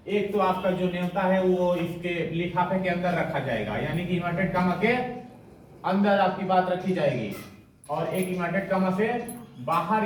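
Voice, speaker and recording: A man's voice: high-pitched, far from the mic, a little hiss or hum. A male teacher giving a classroom grammar lesson, asking questions and answering them himself. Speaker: English teacher. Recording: echoey room, voice from afar.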